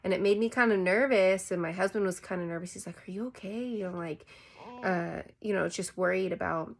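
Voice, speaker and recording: A woman's voice: lowish voice, steady tone, fairly quick, gravelly. A young woman vlogger telling a personal story in a casual, chatty way, full of "like" fillers. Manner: chatty, heavy use of "like" fillers.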